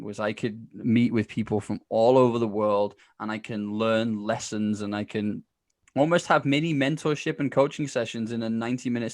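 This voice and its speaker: A podcast guest with a fairly low voice, recorded cleanly in a studio without room sound, tells stories casually and chattily. Along the way he performs snippets of conversation, acting out who said what.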